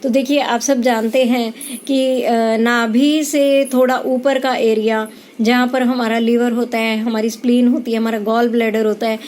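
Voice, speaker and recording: A woman giving a calm spiritual explainer talk as a tarot reader, pausing often with hesitations. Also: a little high, a little hiss or hum.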